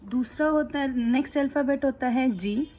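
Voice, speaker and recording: A woman teaching young children letter sounds, explaining each one slowly and clearly. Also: high-pitched, mellow. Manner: slow, clear, patient explaining. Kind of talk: kids' phonics lesson.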